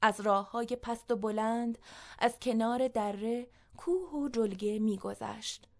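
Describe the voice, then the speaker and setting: Narrator: woman, slightly high voice, measured and even storytelling read.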